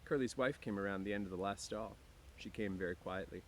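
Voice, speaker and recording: This man's voice sits on the low side and moves fairly quickly, with an easygoing teacher's manner as he chats casually with students and reads a book aloud outdoors near some woods. He clears his throat often. The recording is clear, with outdoor background noise.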